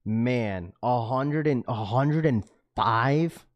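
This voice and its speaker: A man from Washington state hosts a livestream, reading chat very slowly in a mid-range voice and chatting casually with lots of "bro," "dude" and "like." He's a relaxed dad, young adult to middle-aged, with a daughter in school. The recording is dry and muffled.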